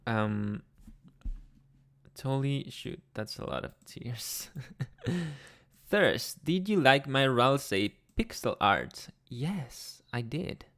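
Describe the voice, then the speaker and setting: A man's voice: medium pitch, sing-song, slow, creaky, fairly bright tone. A man hosting a casual livestream, reading chat messages aloud and answering them in a chatty, rambling way with frequent laughs. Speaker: ASMR livestream host.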